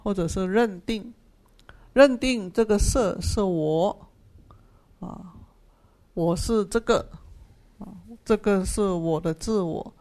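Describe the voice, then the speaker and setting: Patient sutra lecturer, mid-pitched and unhurried; repeats key phrases and works through Pali terms for a class. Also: a little mellow. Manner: patient explaining of Pali terms, asks and answers own questions. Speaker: Buddhist sutra teacher. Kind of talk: explanatory dharma class lecture.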